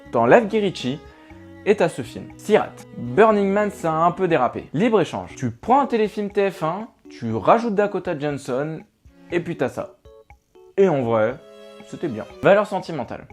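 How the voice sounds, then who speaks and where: A young man giving a rapid-fire comic recap of films, with sarcastic, punchy one-liners. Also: a little high, darkish tone. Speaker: film reviewer.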